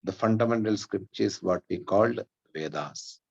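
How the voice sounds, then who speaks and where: A man, giving an online Vedanta lesson in a measured explanatory way, with chanted Sanskrit prayers. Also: lowish voice, creaky, darkish tone, husky, lo-fi sound. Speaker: Vedanta teacher. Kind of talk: online class lecture.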